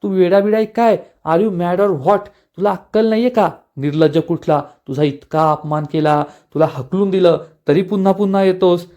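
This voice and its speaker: A man's voice: sits high, moderate pace, few pauses, dark tone, lo-fi sound, natural voice. A man voicing a haughty young woman from a TV serial, speaking in an insulting, scornful way. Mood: angry.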